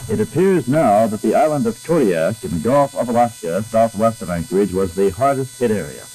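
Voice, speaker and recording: Heard on a poor-quality 1960s broadcast tape humming with electrical noise, a man with a fairly low, dark, expressive voice reads wire bulletins on air. He delivers them from a radio studio, slowly, gravely and deliberately.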